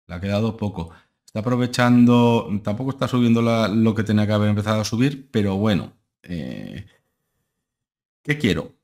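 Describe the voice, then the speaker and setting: A young Spaniard with a low, darkish voice talks expressively at normal speed while walking through charts on a relaxed screen share. The stock analyst and channel host records indoors at home, rambling on and tossing in ¿eh? and ¿vale? constantly.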